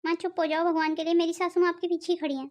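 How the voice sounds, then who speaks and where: Woman doing a devoted young wife, cartoon, very high voice, pleading and emotional. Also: flat delivery, rapid-fire, darkish tone. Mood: upset pleading. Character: loyal young woman devoted to her mother-in-law. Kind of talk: cartoon voice acting.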